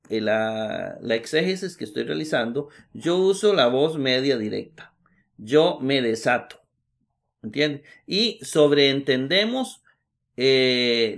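A middle-aged male teacher gives a recorded grammar class. He talks at an ordinary pitch, goes slowly, and repeats every example with frequent "eh" hesitations. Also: a bit bright. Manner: slow, patient, repeats examples with many "eh" fillers.

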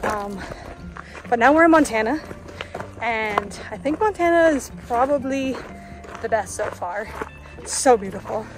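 A woman's voice: fairly high pitch, animated, a little slow, pauses often, music in the background. A woman in her twenties chatting casually while vlogging on a mountain trail, filmed on a phone held at arm's length. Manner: chatty, laughs often. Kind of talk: casual hiking vlog.

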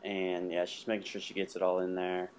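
A man's voice: low-pitched, brisk, slight background noise. A young man casually talking viewers through a recipe in his home kitchen. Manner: relaxed, talks viewers through steps. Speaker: cooking vlog host.

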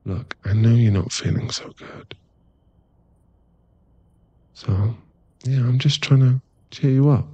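In an intimate ASMR roleplay, a man plays a teasing, affectionate werewolf boyfriend, coaxing and bossy in mood. His husky, gravelly, mid-range voice comes out soft and halting, recorded on a close microphone.

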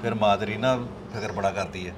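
Man playing a low-voiced coaxing father. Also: steady tone, brisk, background noise, lightly acted. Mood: fatherly. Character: scheming soft-spoken village father, middle-aged. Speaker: actor. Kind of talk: family drama skit.

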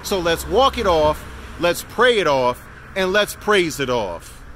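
A man hosting a fitness campaign, giving a motivational address in a loud drill-sergeant style, recorded outdoors. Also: on the high side, big pitch swings, slow, a little hiss or hum.

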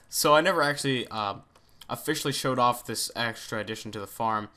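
Creaky yet bright and forceful, this man's medium-pitched voice moves at a moderate pace as he provides let's play commentary. Hosting the gaming video, he talks casually and reasons aloud, often trailing off into mutters.

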